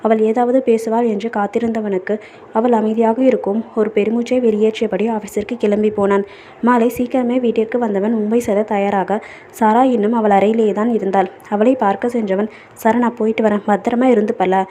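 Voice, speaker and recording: A woman storyteller reading a novel aloud in a steady, even narration. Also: fairly high pitch, normal speed, a little hiss or hum.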